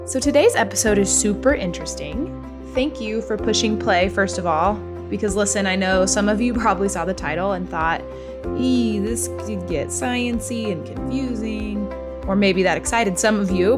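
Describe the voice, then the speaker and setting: A woman's voice: mid-range voice, moderate pace, over loud music. A woman hosting a podcast, upbeat and enthusiastic as she introduces and interviews her guest. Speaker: podcast host.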